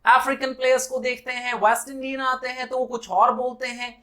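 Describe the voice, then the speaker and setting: A man with an Indian accent teaching a spoken English lesson in Hindi, slowing down to spell out English words syllable by syllable. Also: extremely high pitch, flat delivery, sharp tone.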